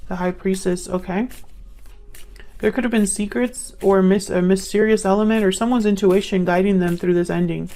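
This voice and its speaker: A woman's voice: mid-range voice, steady tone, normal speed, mellow. A young woman reading tarot cards casually, musing aloud as she pulls cards. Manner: musing, thinks aloud while pulling cards. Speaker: tarot reader.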